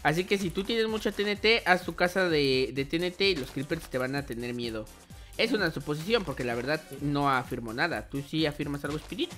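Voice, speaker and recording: Faint background music accompanies a young man hosting laid-back gaming commentary for his channel. His voice is bright, lively at the edges, fairly high, and a little fast, and he chats playfully, often talking directly to viewers.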